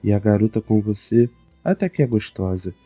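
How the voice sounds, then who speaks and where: A bullying pig gangster shakes down the locals, crude and mocking, in a Brazilian Portuguese accent. A man voices him in a very dark, mellow tone recorded dry and close. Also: lowish voice, expressive, normal speed, slightly rough, no room sound, soft background music, pitched below the performer's own voice. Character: brutish male pig gang boss, bullying.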